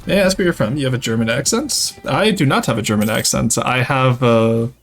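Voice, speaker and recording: This is a casual gameplay livestream: a young French Canadian streamer from Quebec, Canada, with a light Québécois accent, plays a strategy game while chatting with his viewers. His voice is medium-pitched and a little fast, backed by soft music. He's chatty, reading and responding to chat as he plays.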